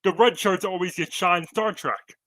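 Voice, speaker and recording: A man's voice: high-pitched, normal speed, bright, forceful tone, no room sound, rough recording. A man in his twenties co-hosting a podcast over a video call, rambling casually and laughing often. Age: 20s. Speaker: podcast co-host.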